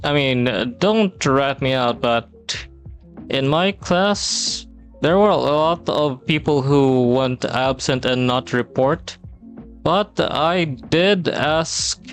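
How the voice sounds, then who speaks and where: Soft music plays behind a young man from the Philippines who streams drawing and teaches. He talks in a mid-range voice, easygoing and rambling, with plenty of fillers and pauses.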